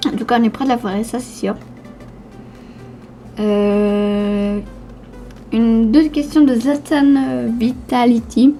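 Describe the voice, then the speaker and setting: A teenage girl with a slushy lisp on her s sounds, talking casually and haltingly as she answers questions in a vlog. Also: a little high, warm tone. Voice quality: slushy lisp from new dental brace. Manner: hesitant, stumbling over words. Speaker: YouTube gamer answering viewer questions.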